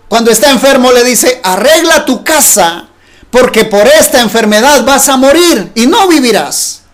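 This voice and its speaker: A man's voice: very high voice, a bit bright. A man preaching a sermon, emphatic, asking his listeners rhetorical questions.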